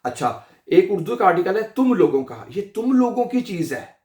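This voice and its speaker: A man with a Pakistani Urdu accent teaches German grammar, repeating each form and quizzing the listener to say it back. His voice sits somewhat high and swings widely in pitch. The sound carries a noticeable room echo. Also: very animated, normal speed, a little mellow. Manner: repeats forms and asks the listener to echo them. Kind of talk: explaining grammar in a lesson.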